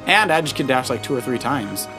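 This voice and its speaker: Over loud video game music, a dad co-hosting a let's play with his child chats casually and coaches, offering encouraging tips and suggestions. His medium-pitched voice is expressive and moves at a normal speed, though the audio quality is poor.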